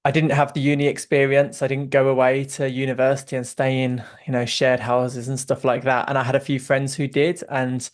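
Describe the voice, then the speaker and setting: A man's voice: mid-range voice, monotone, a little fast, few pauses. A man in his thirties with a slightly Brummie English accent, telling his story in an earnest, chatty way as a podcast guest. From England. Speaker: guest, software co-founder. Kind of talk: casual interview chat.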